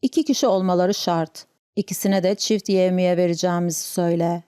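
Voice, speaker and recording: A woman's voice: fairly low pitch, fairly even intonation, fairly quick, mellow, smooth, dry recording, clean studio sound, lightly acted. A woman voicing a stern, wounded Breton housekeeper who gives firm orders. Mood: commanding. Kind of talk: audiobook character reading.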